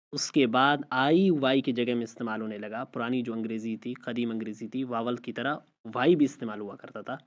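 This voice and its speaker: Male teacher, patient, drills example words, muffled lo-fi recording. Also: mid-range voice. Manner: slow, repeats example words one by one. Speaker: English teacher. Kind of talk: spoken language lesson. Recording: slightly dull lo-fi audio.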